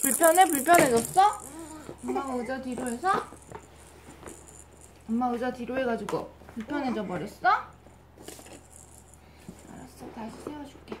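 A mother speaking soft, sing-song baby talk while spoon-feeding her baby at home, repeating little chewing sounds to coax each bite. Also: high voice, moderate pace, long pauses, background noise. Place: home, at the baby's feeding chair.

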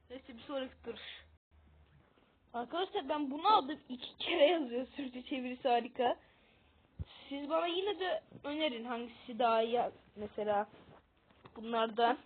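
A woman giving casual gameplay commentary, excitable and self-mocking about her own losing. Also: high voice, slight background noise. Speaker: gamer. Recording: tinny phone-like audio.

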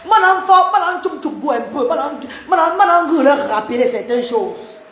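A woman's voice: high-pitched, lively intonation, normal speed, fairly bright tone, reverberant, slight background noise. A Cameroonian woman with a Cameroonian French accent, live-streaming to her viewers, emphatic and repetitive as she scolds and banters with them.

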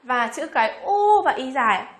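A woman with a Vietnamese accent teaching pronunciation patiently, repeating example words slowly and asking her students questions. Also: high voice, sing-song, a bit bright, echoey room. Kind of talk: classroom-style pronunciation lesson.

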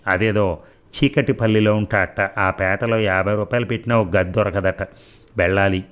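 A man's voice: fairly low pitch, steady tone, moderate pace, fairly bright tone, natural voice. A man reading as a nosy older village woman. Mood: prying. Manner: prying, scolding questions.

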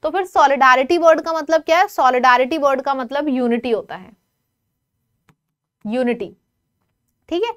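A woman teaching an online vocabulary lesson in a lively, coaxing way, often asking her students questions. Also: high-pitched, normal speed, pauses often.

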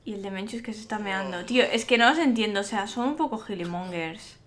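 A woman's voice: mid-range voice, a little fast, a bit bright. A young woman with a Spain Spanish accent commentating a life-sim game live, chatty, exasperated and swearing freely. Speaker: streamer.

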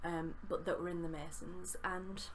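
This young Yorkshire woman has a fairly low, level voice and talks at a moderate pace as she eagerly reviews a book at her desk for a casual vlog, with many fillers. She's recording indoors in a small room with bookshelves, and a faint hiss or hum can be heard.

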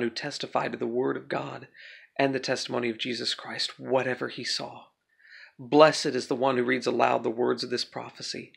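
A man's voice: medium pitch, creaky, fairly bright tone, slightly rough. A young man reciting scripture from memory by rote, in a declamatory, emphatic way. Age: young adult. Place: small indoor room at home.

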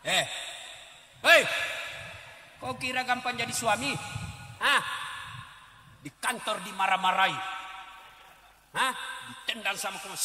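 Middle-aged male preacher, animated and joking, tense piercing tone, recorded in a reverberant hall. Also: very high voice. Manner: animated, joking, acts out wives and husbands in voices. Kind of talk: sermon at a large public gathering. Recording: echoey hall with long reverb.

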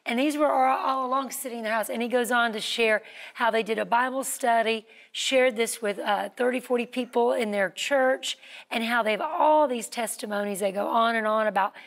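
Woman cohost reading an email out, chatty, kinda high voice. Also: normal speed, creaky. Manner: conversational, reads aloud. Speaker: co-host.

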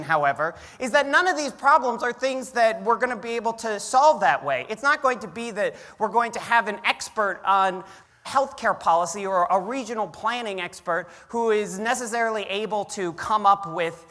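A young man giving an energetic, conversational keynote talk on stage. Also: high-pitched, normal speed. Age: young adult. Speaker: keynote speaker. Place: large auditorium stage. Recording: reverberant hall.

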